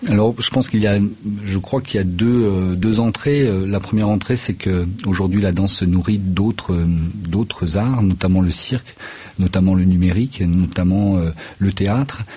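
A man's voice: deep voice, moderate pace, dark tone, breathy edge. A man, a choreographer and festival director, answering radio interview questions in a hesitant way, with many fillers and restarts. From Paris region, France. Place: radio studio.

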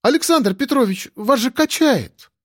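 A man's voice: very high voice, animated, measured pace, no room sound, studio quality, voice pushed up, full character voice. A man putting on a bubbly young girl. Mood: coaxing. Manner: eager, coaxing.

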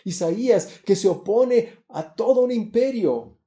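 A man preaches a sermon in a very mellow, dark-toned voice that sits a little high. He is earnest and emphatic. He pushes louder and higher whenever he stresses a point. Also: lively intonation, measured pace, roomy sound.

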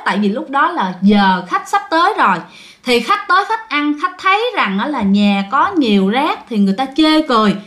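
A woman's voice: high-pitched, fairly bright tone. A woman telling a ghost story in a chatty way, addressing her listeners directly.

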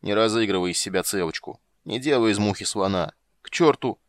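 A man's voice: fairly low pitch, expressive, moderate pace, no echo, natural voice. A man reading a coarse, bellowing mercenary. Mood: rough. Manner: loud, coarse, shouting. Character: rough, foul-mouthed male mercenary.

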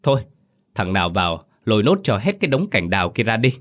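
A man's voice: on the low side, animated, fairly quick, a bit bright. A man voicing a bossy, hot-tempered older male relative who barks orders and scolds in a spoken horror story. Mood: angry scolding. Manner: barking, scolding.

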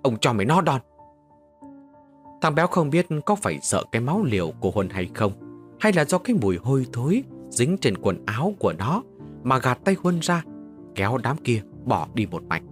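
A man narrating a dramatic story in an expressive, emotional reading. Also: mid-range voice, brisk. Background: soft music.

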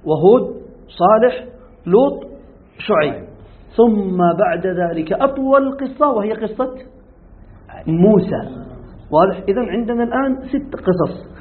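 High-voiced man teaching, tinny sound. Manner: keeps asking students if it's clear; poses rhetorical questions. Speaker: sheikh teaching Quran commentary. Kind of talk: classroom commentary lesson. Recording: tinny phone-like audio.

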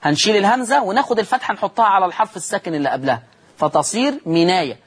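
Husky Egyptian sheikh teaching recitation. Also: male voice, high voice, big pitch swings, very fast, a bit bright. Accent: Egyptian Arabic. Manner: explains rules step by step, asks and answers his own questions. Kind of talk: televised Quran recitation lesson.

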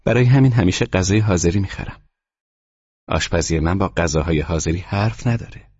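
A man with a husky voice voicing a kind, easygoing young woman, in a dull, dry studio recording. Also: low voice, no echo. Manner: soft, relaxed, plain talk.

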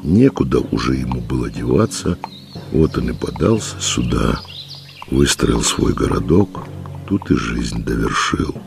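A man narrating a historical audiobook in a measured storytelling manner, with music behind. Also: very deep voice, lively intonation, creaky.

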